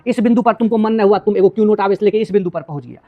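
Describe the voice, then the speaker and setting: A male teacher explains physics in a lively classroom lecture. He keeps checking whether his students follow him and uses everyday household examples to make each point clear. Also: high-pitched, very fast, phone-quality sound. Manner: asks repeated check questions to students.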